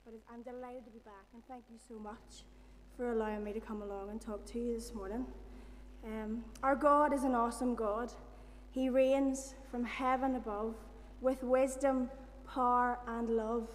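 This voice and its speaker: A woman's voice: fairly high pitch, fairly even intonation, normal speed. A middle-aged woman with a Northern Irish accent, leading informal worship and prayer from a church lectern. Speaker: visiting church service leader. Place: indoor church hall at a lectern. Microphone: gooseneck lectern microphone. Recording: reverberant hall, faint noise and hum.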